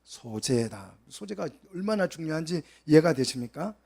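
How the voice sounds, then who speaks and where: A man preaching a Bible exposition sermon, questioning the congregation and swinging between soft asides and loud, emphatic peaks. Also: a little high, very animated, moderate pace, creaky, slightly rough. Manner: asks the congregation questions and acts out quoted voices.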